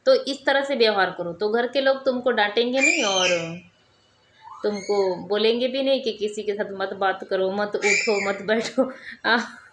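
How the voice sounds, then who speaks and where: A woman's voice: mid-range voice, a little slow, noisy background. A young woman telling a personal story in a casual vlog, chatty and keeps checking in with her listener. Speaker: vlogger.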